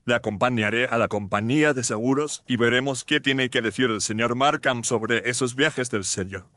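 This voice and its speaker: Bright, forceful skeptical police inspector, acted by a man. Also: medium pitch, moderate pace, no room sound, lightly acted. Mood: grudging, skeptical. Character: grudging, skeptical male Scotland Yard police inspector. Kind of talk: Spanish audio drama mystery acting.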